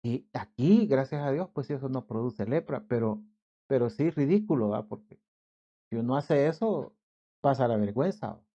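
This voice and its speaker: A male pastor with a Salvadoran accent giving a conversational sermon, acting out short everyday scenes in quick voices. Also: mid-range voice, lively intonation, dark tone, highs cut off. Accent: Salvadoran Spanish. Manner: conversational preaching, acts out little scenes in quick put-on voices.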